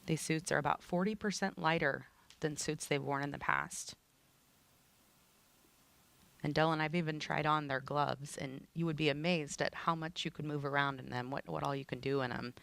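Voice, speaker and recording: Female broadcast commentator, conversational explainer, plain-spoken, with a creaky edge. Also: low voice, fairly even intonation, brisk, a bit bright.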